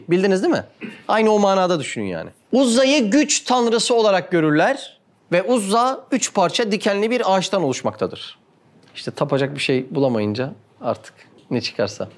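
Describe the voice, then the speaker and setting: Guy with a high voice doing a religious talk like a story, keeps asking the audience questions. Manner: animated, asks the audience frequent rhetorical questions; acts out quoted lines in dialogue. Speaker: religious speaker.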